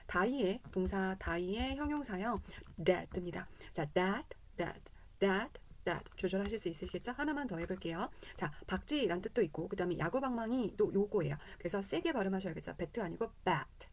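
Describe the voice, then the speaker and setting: A woman teaching English pronunciation in a casual spoken lesson, repeating English vowel sounds as drills. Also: medium pitch.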